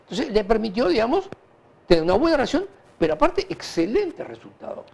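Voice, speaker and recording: Animated Uruguayan man with a creaky voice. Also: very high-pitched. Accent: Uruguayan Spanish. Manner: animated, halting and repetitive, with frequent filler tags. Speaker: interview guest, hospital director. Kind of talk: conversational interview answers, anecdotal.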